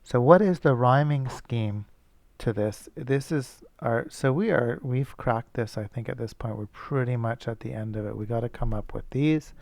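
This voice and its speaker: A man's voice: mid-range voice, normal speed, gravelly, darkish tone, dry recording. A male teacher thinking aloud as he works through a coding problem, casual and self-correcting. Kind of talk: screencast coding lesson.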